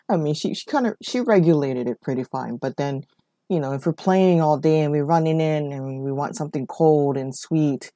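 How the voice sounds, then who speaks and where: A podcast host from Hawaii, a woman in her 40s, rambles warmly through her own life story, relying on "you know" and "whatnot." Her voice sits low and moves at a normal speed, recorded dry and in studio quality.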